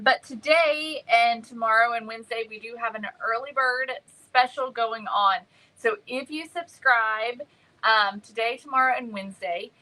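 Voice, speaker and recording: Chatty woman, bright voice. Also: on the high side, rough recording. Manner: chatty, greets viewers by name, many ums. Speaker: craft livestream host. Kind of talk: casual livestream chat.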